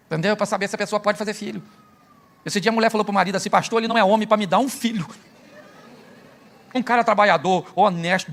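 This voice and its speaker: Middle-aged Brazilian pastor, bright and edgy tone, storytelling preacher who acts out both sides of a conversation. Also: male voice, high voice, creaky. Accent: Brazilian Portuguese. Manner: storytelling, jokes, acts out dialogue. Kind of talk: humorous sermon.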